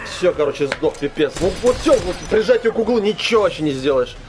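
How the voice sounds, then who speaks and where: A man giving casual live game commentary to his viewers, excitable and complaining, with plenty of swearing. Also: high voice, fast talker, music in the background. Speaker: game streamer.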